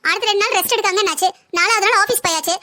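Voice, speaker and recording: Woman doing a bossy, sharp-tongued sister-in-law. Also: very high voice, racing. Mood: scolding. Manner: taunting, scolding. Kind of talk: cartoon story voice acting.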